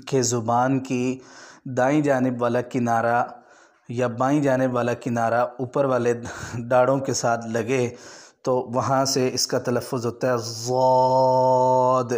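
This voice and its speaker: Flat-voiced male Quran teacher. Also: medium pitch. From Pakistan. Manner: stretches out each letter sound slowly as a model, then explains at a brisk pace. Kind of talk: online lesson for beginners.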